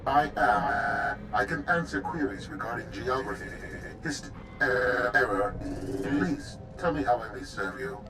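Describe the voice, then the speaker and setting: A too-smooth male android guide, played by a man in a video game, stiffly polite and plainly machine-like, stalling on glitches. His voice sits at an ordinary middle pitch. A clear hiss of background noise runs under the game audio. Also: unhurried, close to an everyday voice. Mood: mechanical, polite.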